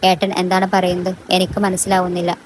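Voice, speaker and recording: A woman voicing a meek young woman pleading with her lover, in a low, level tone. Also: monotone, brisk, slight background noise, natural voice, rough recording. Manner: soft pleading.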